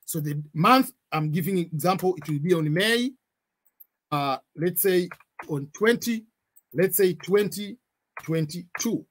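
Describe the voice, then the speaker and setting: Man, 40s, webcam tutorial, husky voice, patient repeating explainer. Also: high voice, animated, unhurried. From Tanzania. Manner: repeats points, gives examples, cautionary tone. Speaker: online tutor. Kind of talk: screen-share tutorial.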